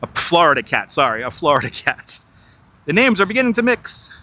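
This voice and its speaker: A very animated, slightly high voice, pushed and bright, comes from a middle-aged New Yorker talking a little fast as he walks outdoors by a river on a live stream. Using a wireless clip-on mic, he chats, repeats himself, and reads viewer comments aloud before answering.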